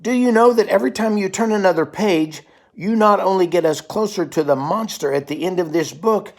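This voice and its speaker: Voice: medium pitch, pitched above the performer's own voice, close to an everyday voice. Grover, a reader putting on a fretful furry monster. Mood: pleading. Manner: slow, drawn-out pleading. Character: anxious furry male monster, pleading.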